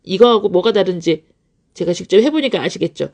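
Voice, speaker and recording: A woman's voice: on the low side, expressive, fairly quick, darkish tone. A woman running an English academy, talking casually to parents on a live stream and often laughing as she acts out examples. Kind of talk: live-stream talk answering parents' questions.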